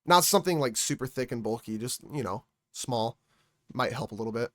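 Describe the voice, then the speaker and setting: A man's voice: mid-range voice, expressive, a little fast, a bit bright, dry recording. A man chatting casually on his stream at home into a music microphone, rambling and trailing off mid-thought. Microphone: studio music microphone.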